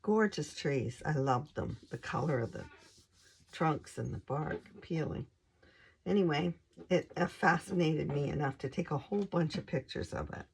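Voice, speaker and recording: This craft channel host is a woman whose voice is hoarse, low-pitched and expressive, heard through poor audio. She leisurely flips through her scrapbook pages, pausing and umming as she goes.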